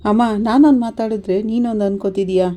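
A woman's voice: mid-range voice, quick pace, dark tone, close to an everyday voice. A woman voicing an impatient grown son who talks curtly to his mother. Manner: curt, dismissive. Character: impatient adult son, curt and dismissive.

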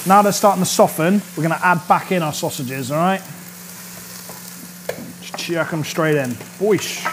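This chef and cooking show host, in his thirties, keeps things chatty and upbeat on an indoor kitchen set, checking in with viewers via "all right?" as the pan sizzles. He speaks at a normal speed in a slightly high, fairly bright voice, with slight background noise.

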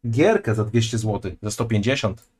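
A man's voice: fairly low pitch, animated, moderate pace, a little mellow, faint music behind. A man in his twenties, joking and chatting loosely while reacting to a video on a live stream from a small room at home, speaking into a headset. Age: 20s. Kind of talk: casual live-stream commentary.

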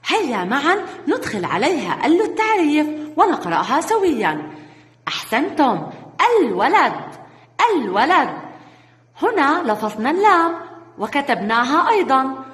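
A woman's voice: high-pitched, sing-song, normal speed, a bit bright. A woman teaching young children a reading lesson, encouraging and sing-song, praising them often. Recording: echoey room with long reverb.

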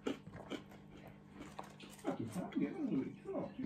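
A woman's voice: on the high side, wildly swooping pitch, moderate pace, warm tone, reverberant. A middle-aged woman chatting in a matter-of-fact way while eating, mumbling a little as she chews. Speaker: vlogger's mother. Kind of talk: casual chat while eating.

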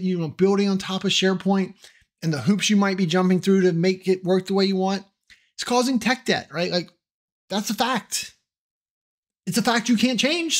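A middle-aged man giving a casual, opinionated tech tutorial, chatty with self-deprecating asides. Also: high-pitched. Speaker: tech trainer. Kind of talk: casual tutorial talk to camera.

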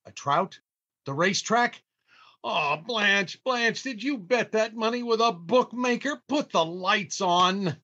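In a slightly dull online recording of an old-time radio comedy, an older man voices an exasperated, grumbling husband and father who scolds his family. His voice sits high and sounds bright and forceful, animated yet slow, heavily acted and theatrical.

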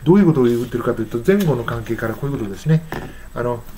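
A man explaining the words of an English song in an unhurried, halting way, with many fillers and slow, careful reading of the English lines. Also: medium pitch, expressive, dark tone, slight background noise. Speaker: English teacher.

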